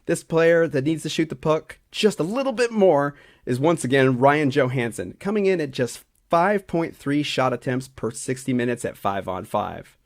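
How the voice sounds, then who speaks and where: A man reading a scripted awards segment as a regular on a hockey analytics show, in a steady, stat-heavy delivery with small slips and restarts. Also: a little high, moderate pace, hardly any pauses.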